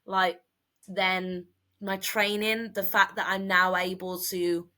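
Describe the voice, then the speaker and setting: A woman's voice: mid-range voice, little pitch movement, slow pace, sharp tone. A woman in her twenties, co-hosting a podcast and talking openly about her life in a chatty, filler-heavy way. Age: 20s. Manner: chatty, emotional, many fillers. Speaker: podcast co-host and guest. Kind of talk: casual podcast chat.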